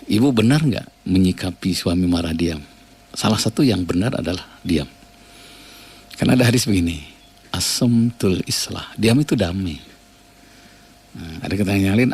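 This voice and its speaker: A man, a radio preacher calmly answering listener questions on a live religious call-in show. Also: deep voice, creaky, slightly rough. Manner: calm advisory, reads listener messages, quotes Arabic sayings.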